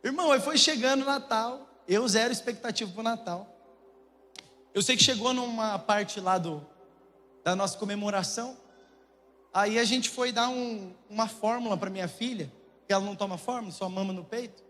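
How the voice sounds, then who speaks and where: A young man with a Brazilian Portuguese accent, preaching a humorous sermon and telling jokey, animated stories to a congregation in a church. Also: high voice, moderate pace, faint music behind. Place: church auditorium. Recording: long church hall reverb, faint noise.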